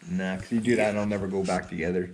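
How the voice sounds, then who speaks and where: A man's voice: sits low, steady tone, quick pace, a little mellow, slight background noise. A man who is losing his voice chats casually as host of his channel. He rambles loosely, with plenty of fillers. The sound is echoey, as if recorded in a bare room. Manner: laid-back, rambling with many fillers. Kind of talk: casual video chat.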